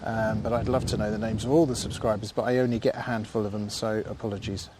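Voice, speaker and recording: Outdoors in a field, a man hosts a casual live stream, talking fast in a fairly low, level voice. He's chatty and thankful, rambling with fillers, and there's background noise.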